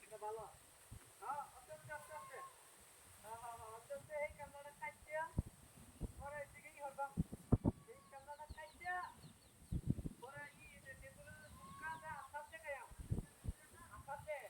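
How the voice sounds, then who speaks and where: A man's voice: very high voice, fairly even intonation, brisk, long pauses, heavy background noise. A man with a Sylheti Bengali accent, performing a comic skit as a bossy phone call. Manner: loud, bossy, talking on the phone.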